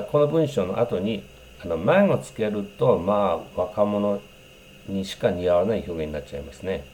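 Deep-voiced man teaching English phrases. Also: warm tone, slight background noise. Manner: unhurried, explanatory, many fillers, demonstrates English phrases. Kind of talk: casual spoken lesson on English greetings.

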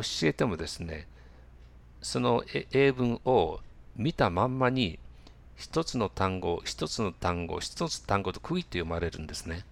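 Deep gravelly man teaching pronunciation. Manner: many fillers, repeats example words slowly. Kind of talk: casual spoken lesson.

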